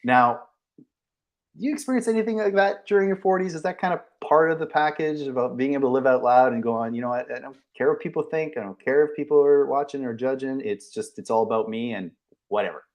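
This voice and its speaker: Brief: forties male host, chatty, mid-pitched, loose conversational delivery. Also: fast. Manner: chatty, thinks out loud with many fillers. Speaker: podcast host and leadership coach. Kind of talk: casual interview chat.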